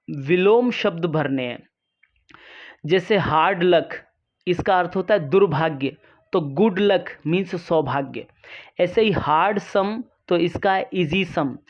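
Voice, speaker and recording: Slow, patient woman teacher. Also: on the low side, muffled recording. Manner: slow, patient, reads English lines then explains them. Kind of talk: explaining a textbook lesson.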